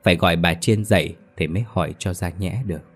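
A man narrating a scripted ghost story in a steady, dramatic reading. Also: low-pitched, quick pace.

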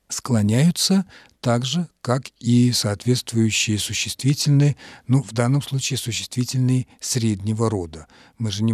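A man on a radio studio program answering listeners' letters as a language expert, explaining in a measured, lecturing way. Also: medium pitch, darkish tone, husky, dry recording.

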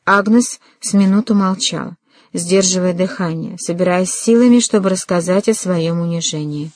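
A woman reading an audiobook in an even, measured narration. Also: fairly low pitch, no echo. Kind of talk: scripted narration.

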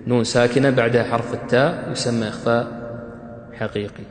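A man's voice: medium pitch, fairly even intonation, fairly quick, reverberant, long reverb tail. A man teaching Quran recitation rules, quizzing his students with short questions and praising their answers.

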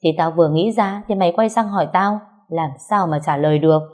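A brash young woman friend, voiced by a woman reader, who scolds and teases without holding back. Her speech sits a little low, with a dark, mellow tone, and comes across like a bossy storybook sidekick. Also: fairly quick, close to an everyday voice. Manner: scolding, blunt, teasing.

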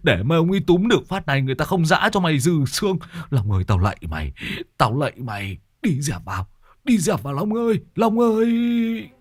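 A man's voice: a little high, animated, a little fast, husky, no echo, clean studio sound, pitched above the performer's own voice. A man voicing a timid male sidekick in a storybook reading, pleading in a panicky, repetitive way. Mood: panicked.

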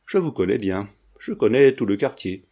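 A man's voice: fairly low pitch, big pitch swings, normal speed, mellow, breathy edge, dull audio. A man reading the lines of a talkative, blunt old landlady in an audiobook, insistent and familiar in her speech. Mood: chatty.

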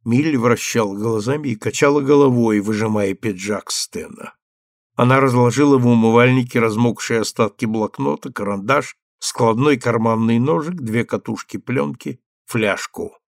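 A man narrating a literary novel as an audiobook, measured and expressive. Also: medium pitch, creaky, no echo, studio quality. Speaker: audiobook reader.

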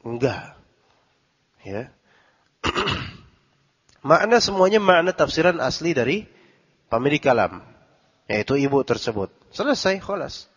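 A man's voice: fairly high pitch, big pitch swings, takes it slowly, pauses often, fairly bright tone, husky. Man teaching a religious lesson in an echoing hall. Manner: explains Arabic text phrase by phrase, quizzes listeners. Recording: dull recording with long hall reverb.

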